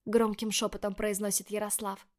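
A woman reading first-person scripted narration in a measured, expressive way. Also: mid-range voice. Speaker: audiobook narrator.

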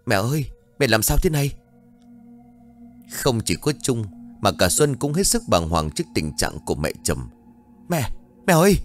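A man narrating a ghost story in a dramatic, scripted storytelling manner. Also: lowish voice.

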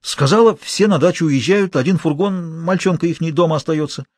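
A man's voice: on the high side, brisk, no echo, studio quality, pitched above the performer's own voice, natural voice. A man voicing a terrified petty male thief who pleads and babbles frantically, repeating himself. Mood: panicked. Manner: frantic, repetitive, whimpering.

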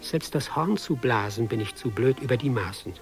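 A man's voice: mid-range voice, lively intonation, moderate pace, faint music behind, close to an everyday voice. An actor playing a hapless young army recruit, reciting his tale in ironic, sing-song rhyme for a radio play. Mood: sardonic.

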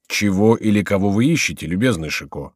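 A man's voice: on the low side, lively intonation, fairly quick, slightly rough, no room sound, clean studio sound. A man voicing a cowardly monk who whines and complains, out of breath. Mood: plaintive. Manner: whining, complaining. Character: plaintive, cowardly monk on a donkey.

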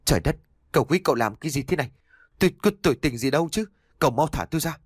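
A man's voice: fairly high pitch, lively intonation, racing, husky, dry recording, clean studio sound, pitched above the performer's own voice. Man doing a stammering terrified captive man. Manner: stammering, frantic.

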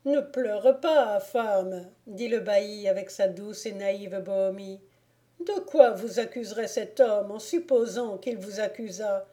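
A woman reading a storybook voices a meek, kindly little bailiff who speaks gently and naively. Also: a little high, animated, takes it slowly. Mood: placating.

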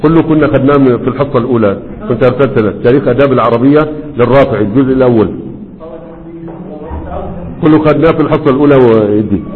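Man lecturing over a tinny line. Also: medium pitch. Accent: Egyptian Arabic. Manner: explains by asking the class and answering himself. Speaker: Arabic morphology teacher. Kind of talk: classroom lecture. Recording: tinny, phone-like, long hall echo.

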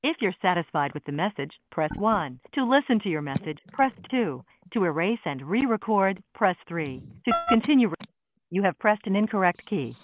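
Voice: medium pitch, big pitch swings, normal speed. An automated voicemail system reading out recorded menu instructions over a phone call. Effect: automated voicemail system prompt. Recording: dull lo-fi phone line with noise.

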